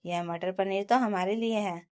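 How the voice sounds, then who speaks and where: A woman's voice: mid-range voice, fairly even intonation, a little slow, a little mellow, natural voice. A woman voicing a taunting, bossy mother-in-law. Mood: scolding. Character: stern scheming middle-aged mother-in-law.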